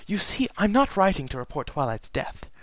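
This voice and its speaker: A regal immortal pony princess, sorrowful and solemn, put on by a male reader. Her voice sits noticeably above his usual register and stays earnest and measured. The sound is dry and close. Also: high voice, sing-song, no room sound, pitched above the performer's own voice. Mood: solemn, wistful. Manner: solemn, earnest letter-reading. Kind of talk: fan fiction reading.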